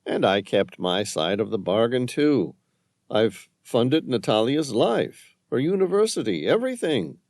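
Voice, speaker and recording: A man's voice: medium pitch, big pitch swings, a little slow, darkish tone, no echo, clean studio sound. A man voicing a cold, calculating male handler in an audiobook, speaking in a cool, clipped, businesslike way. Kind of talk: audiobook narration.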